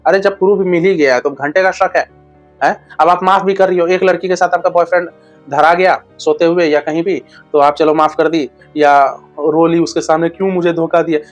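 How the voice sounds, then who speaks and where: A man's voice: on the high side, steady tone, moderate pace, faint music behind. A man giving relationship advice in a casual monologue, blunt and slangy with crude humor.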